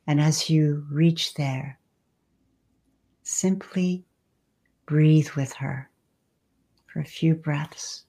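A woman leading a guided meditation with slow, soothing, drawn-out phrasing. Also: low voice, fairly even intonation. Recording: loud background noise and rattle.

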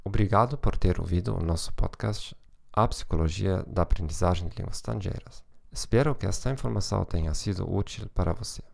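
A man with a German accent, a native German speaker, reading a scripted podcast as host in a careful, slightly halting way. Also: sits low, creaky, darkish tone.

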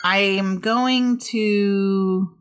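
A woman's voice: mid-range voice, steady tone, very slow, clean tone. A woman co-hosting a podcast in casual chat, joking and self-deprecating. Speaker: podcast co-host.

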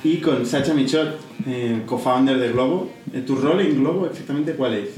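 Podcast host in a roomy echoing space. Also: male voice, mid-range voice, normal speed, a little mellow. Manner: conversational, asks questions. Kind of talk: podcast interview.

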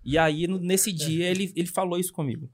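In a relaxed interview, a high-pitched young man from Brazil, there as a missionary guest, recounts his story. He speaks quickly and energetically in a Brazilian Portuguese accent, often tacking on tag questions.

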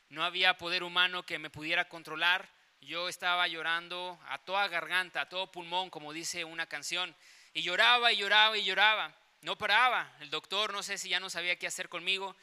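Male pastor, high and very bright voice, emphatic storyteller. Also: smooth. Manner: storytelling, emphatic, repeats phrases. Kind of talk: sermon.

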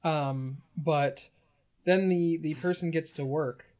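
A man's voice: fairly high pitch, fairly even intonation, slow, a little mellow. A man casually describing an imagined film scene, with many fillers. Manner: loose, filler-heavy narrating. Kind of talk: casual comedic story pitch.

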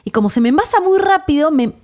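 A woman's voice: sits high, animated, fast, a little mellow. An Argentine woman in a casual chat, speaking frankly and expressively. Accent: Argentine Spanish.

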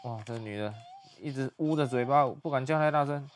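A young man giving hushed, muttered play-by-play commentary as he reacts to a video. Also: medium pitch, fairly quick, a little hiss or hum.

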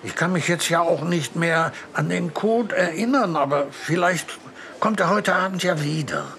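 A man's voice: a little high, normal speed, a bit bright, voice pushed up. A man voicing a tired, dreamy young boy in a children's audiobook, distracted and hesitant.

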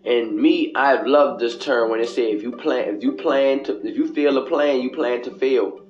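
A male host talks straight to his listeners from an echoing bathroom, the sound a little dull and lo-fi through a cell phone headset. He delivers a slangy, sweary motivational talk, circling back on phrases like a street preacher, at a medium pitch. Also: normal speed, faint music behind. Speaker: radio show host. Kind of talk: motivational casual monologue to listeners. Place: small indoor bathroom. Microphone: cell phone with headphones.

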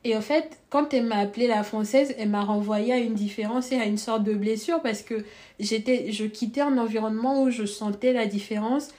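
Speaking fairly quickly in a slightly high voice, a young woman guesting on a podcast relates a personal experience. Her Congolese accent carries French influence, and she's reflective and sincere, getting lively as the story unfolds.

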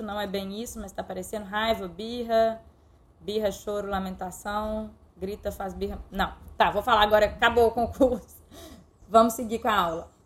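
A middle-aged woman teaching a live-streamed online lesson, speaking directly and affectionately to her viewers. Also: mid-range voice. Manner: warm direct coaching, addresses viewers affectionately.

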